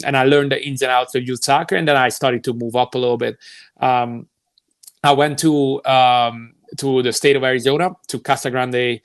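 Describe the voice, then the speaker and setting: A medium-pitched voice with no echo belongs to a Hungarian-accented youth soccer director in his thirties from Hungary. Talking in a live interview, he explains his answers thoughtfully and at length, often using fillers and starting over.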